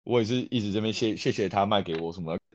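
A man's voice: lowish voice, rapid-fire, a little mellow. A man with a Taiwanese Mandarin accent, co-hosting a casual podcast with a teasing, laid-back manner. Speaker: podcast co-host. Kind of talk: casual chat. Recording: slightly dull lo-fi sound.

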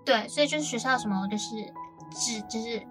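A woman's voice: on the high side, fast, over music. A young woman from Taiwan co-hosting a casual radio chat, telling stories in a chatty way with many fillers. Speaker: co-host.

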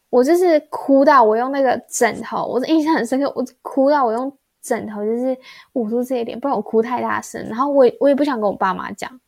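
Young female co-host, soft-spoken and reflective, a touch high-pitched, casual chat. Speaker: podcast co-host. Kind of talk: casual chat, personal story.

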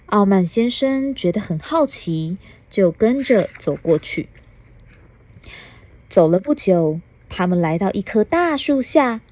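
A woman, a mother, reading a picture book aloud for a children's podcast, gentle and asking the child little questions along the way. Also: mid-range voice, no room sound.

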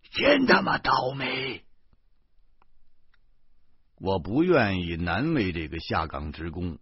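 A man, narrating a novel as an audiobook in an expressive storytelling manner. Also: sits low, breathy edge, dry recording. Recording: dull lo-fi audio.

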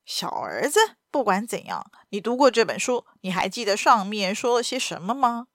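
A woman voicing a sharp, determined young male detective in a read-aloud story, firing off probing questions. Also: medium pitch, very animated, moderate pace, dry recording, clean studio sound. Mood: urgent.

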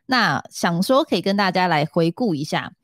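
Woman, Taiwanese accent, animated intonation, casual podcast chat, dry sound. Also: fairly low pitch, normal speed, dry recording. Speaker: podcast co-host.

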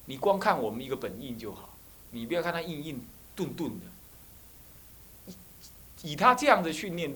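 A man, a Buddhist abbot giving a dharma class to monastic students and telling personal stories in an animated way. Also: medium pitch. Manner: animated storyteller who acts out dialogue.

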